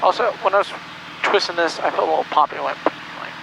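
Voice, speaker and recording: A man's voice: fairly high pitch, quick pace, gravelly. A man speaking as a student pilot, chatting casually and making callouts on a pilot headset. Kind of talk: casual cockpit chat and callouts. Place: small aircraft cockpit. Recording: noisy small aircraft cockpit, headset intercom.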